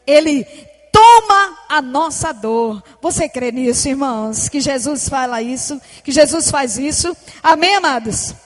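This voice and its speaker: Woman pastor, passionate shouting sermon with call-and-response, high voice, long church reverb. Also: lively intonation, measured pace. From Northeast Brazil. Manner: impassioned preaching, often shouting, with call-and-response prompts to the congregation. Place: church service.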